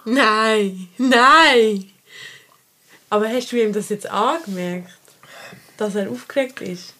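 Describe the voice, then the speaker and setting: A woman's voice: a little high, slow, pushed and bright, slight background noise. Bubbly Swiss German woman podcast host. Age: around 30. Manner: bubbly, enthusiastic, mixes in English phrases. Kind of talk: casual podcast chat.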